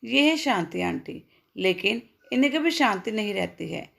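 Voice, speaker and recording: A woman's voice: medium pitch, expressive, gravelly, a bit bright. A woman voicing a flustered young husband. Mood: evasive. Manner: hurried excuses, light jokes.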